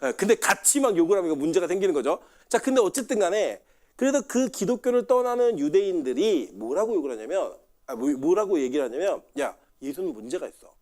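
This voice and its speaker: A man's voice: sits high, very animated, fast talker, darkish tone. A man preaching a sermon as pastor, talking conversationally, putting questions to the congregation and acting out quoted lines.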